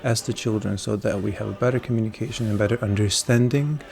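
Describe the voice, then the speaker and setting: A young man speaking in a measured, formal way in an interview clip. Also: fairly low pitch, creaky, a little mellow. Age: young adult. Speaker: youth forum participant. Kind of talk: interview soundbite.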